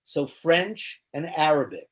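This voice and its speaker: A man's voice: on the high side, takes it slowly. A man who grew up in Israel, hosting a casual online chat and telling jokey stories. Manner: jokey, animated storyteller. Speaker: organization founder and event host.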